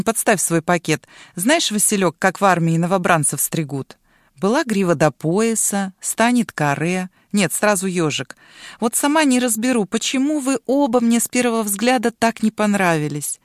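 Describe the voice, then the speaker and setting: A woman's voice: mid-range voice, lively intonation, moderate pace, no room sound, clean studio sound, close to an everyday voice. A woman voicing a brash, bossy girl turned into a dragon, mocking and domineering.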